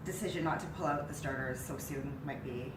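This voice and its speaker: Her voice extremely low in pitch and a little fast, a woman in her thirties with a cold chats about sports as co-host on a living-room couch. She sounds nasal and chatty, growing animated when excited. The audio, from a distant camera mic, is roomy and hissy.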